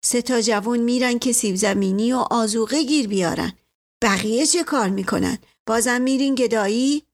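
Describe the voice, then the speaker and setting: A woman's voice: a little high, close to an everyday voice. A woman voicing a stern, pious old village woman. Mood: firm.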